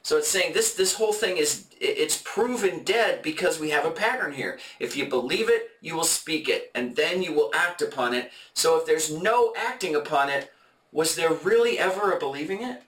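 A man co-hosting a podcast, leading a conversational Bible study in a halting, explanatory way with many fillers and restarts. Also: on the high side, animated, a bit bright. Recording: echoey room, mic at a distance.

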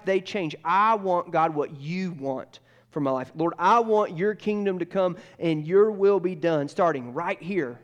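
A male pastor preaching a sermon in an earnest way, repeating phrases and dropping softer as he prays. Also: high voice. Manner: earnest, repeats phrases, drops to soft tones in prayer.

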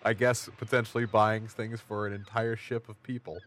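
Guy at the game table, kinda formal and precise, lowish voice, faint noise. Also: little pitch movement, normal speed, fairly bright tone. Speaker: player. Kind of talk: casual role-play at a game table.

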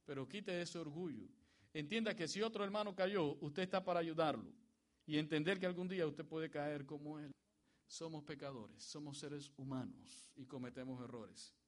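A man preaching a sermon with a somewhat high voice. He speaks in a preacher's cadence and calls on the congregation to repeat words. His voice climbs in pitch and volume when he reads scripture aloud. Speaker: pastor.

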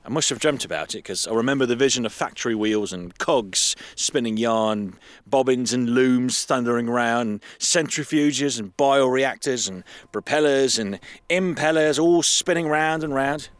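A man's voice: mid-range voice, moderate pace, no room sound, voice pushed up, lightly acted. A man putting on an eager young artist. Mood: excited. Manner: animated, playful teasing. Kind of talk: audio drama acting.

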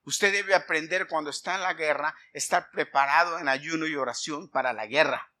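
A middle-aged man preaching a sermon, telling a personal story with animated delivery and repeatedly addressing the congregation as brothers. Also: fairly high pitch, moderate pace. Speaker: pastor.

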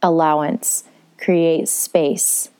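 Gentle, low-voiced woman coaching. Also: fairly even intonation, clear, resonant tone. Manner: gentle, reflective, slows down on key points. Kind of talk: instructional self-help talk.

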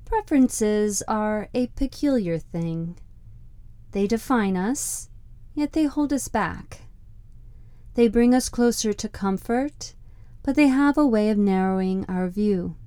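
A woman podcast host reading a scripted reflective monologue in a measured, deliberate, contemplative way. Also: medium pitch, animated, mellow, clear, resonant tone, no echo. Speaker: podcast host and meditation guide.

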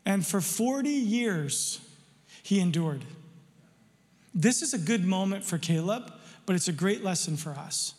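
A man's voice: high voice, animated, measured pace, a little mellow, in a large hall. A male pastor preaching a sermon emphatically, asking the listeners rhetorical questions.

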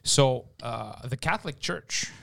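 A man's voice: medium pitch, lively intonation, unhurried, vocal fry, a bit bright. Emphatic man chatting. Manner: emphatic storyteller, repeats himself, slangy. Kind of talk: casual opinionated chat.

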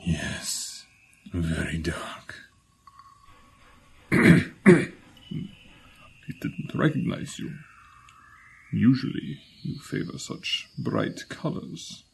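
A man playing a melancholy, courteous immortal gentleman in a radio comedy drama, halting and formal, with a gravelly, breathy voice. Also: lowish voice, sing-song, exaggerated voice, rough recording. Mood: hushed, courteous. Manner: halting, formal, theatrically drawn-out.

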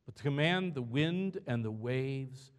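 A man's voice: mid-range voice, animated, unhurried. Man preaching an earnest sermon. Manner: earnest, conversational preaching with rhetorical questions. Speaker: pastor.

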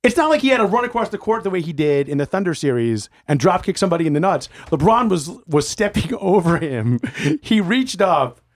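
Animated man in casual sports banter. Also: high voice, brisk, hardly any pauses. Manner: animated, laughing, mock-outraged. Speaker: co-host.

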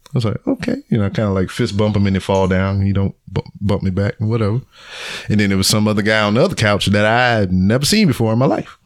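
Deep-voiced man telling a wild story. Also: fast, no room sound, studio quality. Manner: profane, animated storyteller acting out quotes. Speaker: podcast co-host. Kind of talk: casual storytelling chat. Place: home podcast studio.

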